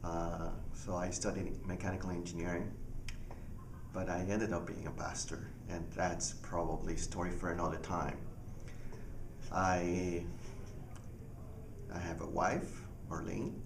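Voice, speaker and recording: A man, a pastor speaking earnestly about his ministry with halting restarts. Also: low-pitched, level tone, vocal fry. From Panama. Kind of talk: personal ministry testimony. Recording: echoey room, far from mic, audible noise.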